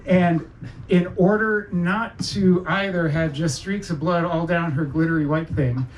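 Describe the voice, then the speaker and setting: A man's voice: fairly high pitch, steady tone, measured pace. A man telling a casual anecdote in a hesitant, amused, conversational way. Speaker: storyteller. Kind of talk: casual anecdote told aloud. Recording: distant mic, clearly noisy room.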